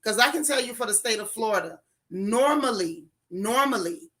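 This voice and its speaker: Female livestream news host, wheezy rasp, forceful edge, casual but emphatic delivery with repeated phrases. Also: a little high, lively intonation, normal speed. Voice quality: raspy, wheezy voice. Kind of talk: casual livestream talk, answering viewer comments.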